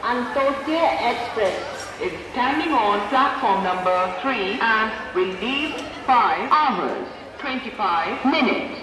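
Woman announcing trains over a station loudspeaker. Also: fairly high pitch, expressive, over music. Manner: slow, measured, evenly spaced phrases. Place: railway station platform. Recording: echoey loudspeaker in a large station hall, heard from far off, with noise.

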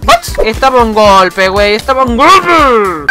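A young man rattles off casual gameplay commentary in a high, bright-edged voice. He is excitable and slangy, swearing and joking as he plays. Background music runs clearly under his voice. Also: measured pace. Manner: excitable, slangy and profane, jokes and trash talk. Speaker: gaming YouTuber.

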